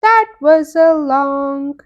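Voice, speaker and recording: Woman as high-pitched, upbeat Pete the Cat. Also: extremely slow, lo-fi sound. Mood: relieved. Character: Pete, groovy, easygoing cartoon cat who sings. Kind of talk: children's storybook character voice.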